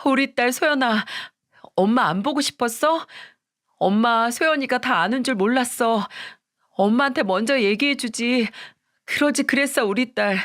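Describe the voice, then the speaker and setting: A clingy young wife pleads in a high, whining voice that climbs well above a plain speaking pitch, as a woman puts her on. She sounds desperate and needy, like a radio story scene. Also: fairly bright tone, lightly acted. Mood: coaxing. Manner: whiny, begging.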